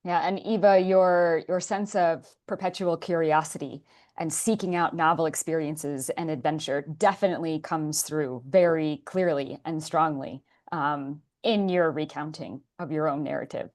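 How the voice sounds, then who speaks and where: A woman moderating an online meeting, thanking the speaker and calling on participants in a clear, guiding way. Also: sits low, steady tone, moderate pace, darkish tone.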